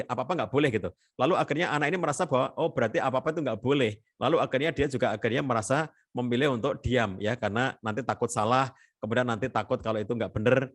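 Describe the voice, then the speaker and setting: Fast-talking man giving parenting advice. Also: fairly high pitch. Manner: chatty, repetitive, with frequent tag fillers. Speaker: family and parenting speaker. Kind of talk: webinar talk on parenting.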